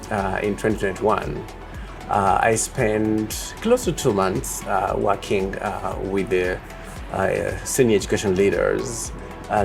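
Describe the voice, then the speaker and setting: A man from Uganda answering interview questions as a project leader, speaking in a measured way with many pauses and fillers. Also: fairly low pitch.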